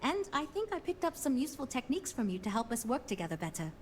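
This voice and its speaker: Game team leader: earnest, conciliatory, businesslike, animated delivery, slightly high. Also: female voice, fast, slight background noise. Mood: cautiously hopeful. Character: earnest, diplomatic woman leading a ship design team. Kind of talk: scripted game dialogue.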